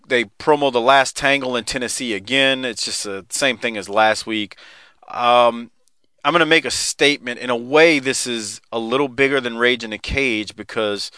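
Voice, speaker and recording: Male podcast host, bright and crisp, conversational, casual wrestling chat, dry sound. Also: medium pitch, no room sound. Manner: conversational, directing co-hosts.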